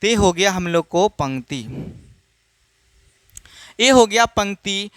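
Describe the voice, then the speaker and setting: Slow-paced with lively intonation, this male maths teacher has a high, fairly bright voice on a dry recording. He keeps repeating himself, asks questions he then answers, and casually refers to his students as children.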